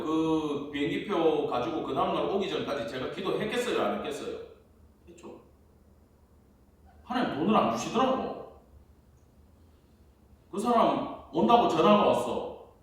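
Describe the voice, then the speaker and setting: A man's voice: on the high side, very animated, normal speed, long pauses. A male pastor preaching a Friday prayer service sermon, telling his own story and acting out his prayers and conversations. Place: church sanctuary. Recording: very echoey church hall, mic far off.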